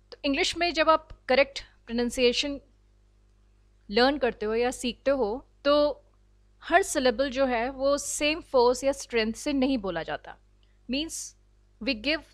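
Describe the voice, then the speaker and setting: A woman with an Indian accent teaching an online English class, explaining slowly and deliberately and mixing in English phrases. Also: high-pitched, no echo. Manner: slow, deliberate explaining, switching between Hindi and English. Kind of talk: online lecture.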